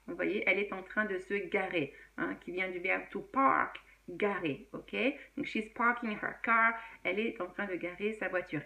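A woman's voice: medium pitch, pushed and bright. A woman teaching English in a casual video lesson, chatty with many fillers and frequent laughs.

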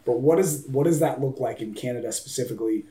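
A man's voice: medium pitch, fast, a crowd in the background. A man hosting a casual interview, thoughtful and conversational. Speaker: host. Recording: echoey room, distant from the mic.

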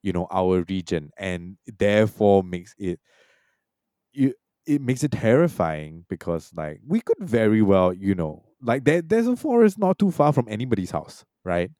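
A man with a very low, warm and mellow voice talks through a film in a loose, rambling way, full of fillers and restarts. His delivery is casual and unhurried. The recording is dry and close. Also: very animated, no room sound. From Malaysia and Singapore.

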